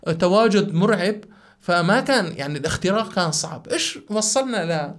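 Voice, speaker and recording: Fast-talking man with Syrian Arabic accent. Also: high-pitched, lively intonation. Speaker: podcast guest. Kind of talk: conversational personal storytelling.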